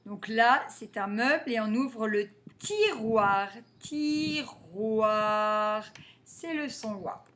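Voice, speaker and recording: A woman teaching a phonics lesson to young children, sounding out letters and syllables slowly and carefully. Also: on the high side, expressive, a bit bright.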